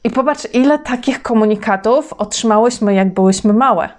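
A woman hosting a self-help talk for women, speaking slowly and deliberately and addressing the listener directly. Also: a little high, a little mellow. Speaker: self-help channel host.

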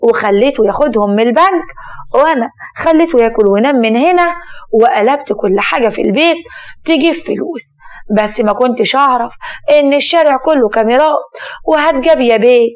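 A woman voicing a brazen young female con artist, talking in a sly, cajoling, sharp-tongued way. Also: on the high side, animated, fast talker, close to an everyday voice.

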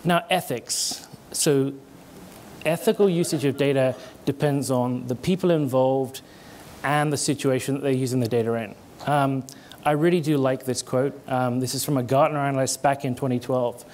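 A middle-aged British man gives a conversational conference talk on stage, recorded on a headset mic with slight background noise. His medium-pitched, somewhat mellow voice holds fairly even intonation at a moderate pace, and his British accent carries an American twang. He gestures while explaining and restarts words.

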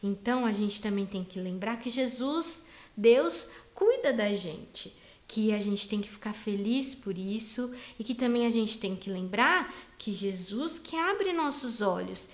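A woman teaching a Bible lesson to small children, talking gently and simply. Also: medium pitch, expressive, unhurried, reverberant. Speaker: Sunday school teacher.

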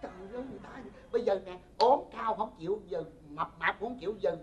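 A performer playing an exasperated adult son in a comedy sketch, who teases and argues with his mother, using quick comebacks in a Southern Vietnamese accent. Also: mid-range voice, faint music behind, lightly acted. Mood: arguing. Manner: teasing, arguing, quick comebacks.

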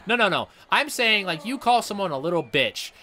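A young man hosting a let's play, commentating loudly and excitably and swearing often at the game. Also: high-pitched, brisk. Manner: loud, profane, excitable, yells at the game. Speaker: gaming channel host.

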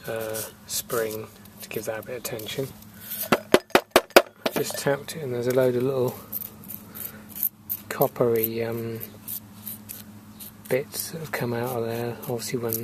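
A refrigeration technician pauses often as he casually talks through what he's showing outdoors in a yard, and the camera-mic recording is very noisy. He has a mid-range voice with fairly even intonation and a measured pace, thinking aloud matter-of-factly with fillers.

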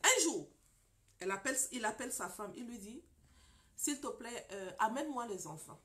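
A woman pastor and marriage counselor, French-speaking and using broken English, delivers a forceful sermon testimony in a slightly high, fairly bright voice at normal speed. She's animated, performs the quoted lines in her story, and occasionally slips into a whisper.

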